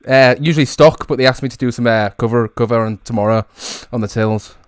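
A man's voice: medium pitch, fast talker, clean tone, dry recording. A man in his twenties with an English accent, making casual prank calls in a hesitant, stammering way into a close microphone. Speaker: prank caller, video host. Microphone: close microphone on a boom arm.

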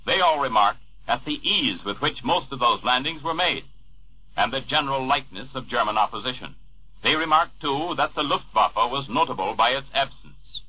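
A man reading war news as a radio newscaster in a formal, measured way, heard through an old 1940s radio broadcast recording. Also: medium pitch, breathy edge. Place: network radio studio. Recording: dull lo-fi 1940s radio archive.

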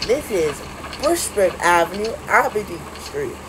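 Lady doing train stop announcements, even and flat, little engine hum in the back. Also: medium pitch. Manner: flat, measured announcer delivery. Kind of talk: recorded station announcements.

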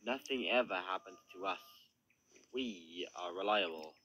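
A deep haughty diesel engine. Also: male voice, measured pace, pushed and bright, muffled recording, slight background noise. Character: smug sneering diesel engine, male, scheming. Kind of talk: amateur voice acting for a toy train film.

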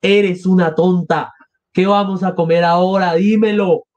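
A man voicing a frantic, consumptive noble mother, shrill and breathless. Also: steady tone, measured pace, darkish tone. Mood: bitter.

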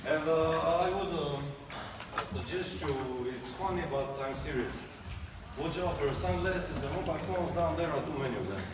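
Guy giving a boat tour, higher voice, booming cave echo, loud boat noise, kinda far off. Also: normal speed. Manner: explanatory, slightly formal phrasing. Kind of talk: tour guide commentary. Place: small boat on the sea and inside a sea cave.

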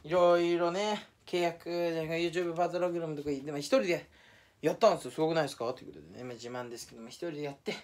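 A man's voice: a little high, steady tone, very fast. A young man talking casually to camera in a solo vlog, rambling and self-mocking, slipping into mock Kansai dialect for fun. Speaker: YouTuber.

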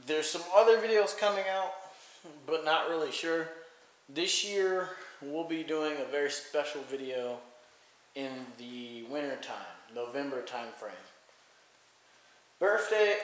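Filming himself on a handheld phone at arm's length, this thirty-something man rambles through a casual home vlog full of filler words. His voice is a little high and fairly bright. He wanders between bedroom and living room indoors, and the bare space echoes heavily under a faint hiss.

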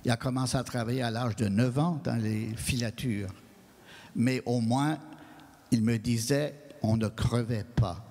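A man with a Franco-American French accent answering audience questions on stage, earnest and measured, on a handheld mic. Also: medium pitch, fairly even intonation, darkish tone. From New England, United States. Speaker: guest writer. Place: stage of a large hall. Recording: long hall reverb.

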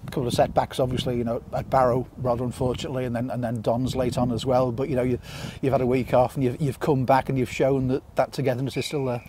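A man's voice: medium pitch, level tone, quick pace, hardly any pauses, dark tone, slight background noise. A man interviewing a player after a match outdoors, asking leading questions that often end in a tag. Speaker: club interviewer. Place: outdoors at a stadium at night. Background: faint outdoor ambience.

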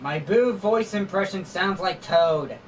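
A woman's voice: on the low side, animated, measured pace, recorded from a distance, slight background noise. A woman streaming a game and commenting as she plays, grumbling and swearing, her voice sore from straining. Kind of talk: gameplay livestream commentary.

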